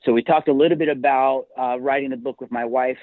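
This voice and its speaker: A male author appears as a podcast guest, telling stories emphatically like a motivational speaker over a tinny, phone-like line. His mid-range voice has fairly even intonation and a quick pace, with no room sound.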